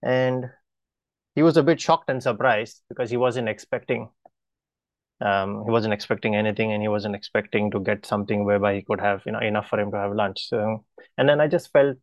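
A man preaching, telling a personal testimony in an earnest, halting way with frequent restarts. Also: on the low side, fairly even intonation, no room sound, highs cut off.

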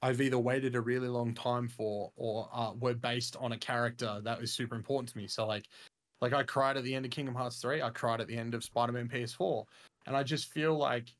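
A man's voice: medium pitch, fairly even intonation, brisk. Aussie guy on a gaming podcast, mid voice, rambly and hyped. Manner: enthusiastic, rambling, says "freaking" and "mate" a lot. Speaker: podcast co-host. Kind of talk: casual chat.

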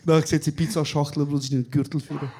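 A man's voice: fairly high pitch, fast, a little hiss or hum. A young man with a Swiss German accent, co-hosting a casual podcast recorded live and telling stories animatedly, with 'Bro' in almost every sentence. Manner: animated storyteller, says 'Bro' often. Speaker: podcast co-host. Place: small venue, live recording.

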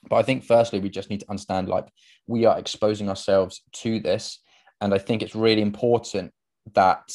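A man's voice: lowish voice, a little mellow. A young man, a fitness coach, talking through his solo podcast in an earnest, conversational way, full of fillers and restarts.

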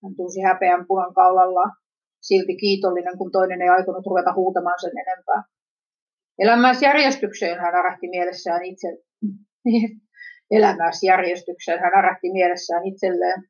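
A woman reading a story aloud in a plain, steady manner with small slips. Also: lowish voice, muffled recording. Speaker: narrator.

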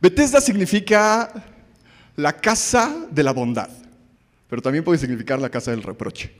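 A man's voice: a little high, lively intonation, normal speed, long reverb tail. A man from Mexico with a Mexican Spanish accent, preaching a casual, joking sermon full of stories and questions to the audience. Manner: storytelling, conversational, asks the audience questions.

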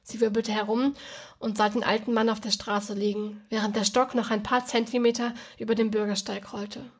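A woman reads a novel aloud and explains the story in between in a relaxed, casual way. Her voice sits a little high and has a husky, breathy quality. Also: moderate pace. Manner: relaxed, with many ums when talking freely.

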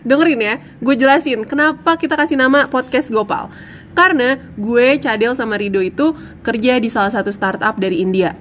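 Young woman chatting on a podcast, kinda high voice, casual banter, bit of background noise. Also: fairly quick, fairly bright tone. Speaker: podcast host, former radio announcer.

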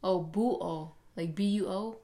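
A woman's voice: on the low side, normal speed, warm tone. A woman co-hosting a casual chat podcast, answering with playful, sassy quips. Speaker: podcast co-host.

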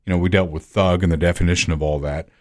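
Podcast guy chatting the news, lowish voice, easygoing and drawn out. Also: steady tone. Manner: drawn-out, conversational, with fillers. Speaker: podcast co-host. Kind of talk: casual political chat.

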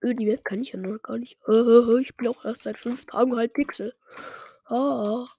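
A woman's voice: fairly high pitch, fairly even intonation, normal speed, dark tone, breathy edge, no echo, studio quality. A woman giving casual, self-mocking commentary while playing a game, muttering some lines under her breath. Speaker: gamer.

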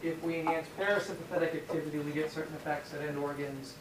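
A pharmacology lecturer in a lecture room asks his students questions and then answers them himself. His voice is on the high side, flat and quick, picked up from a distance in an echoey room with faint hiss.

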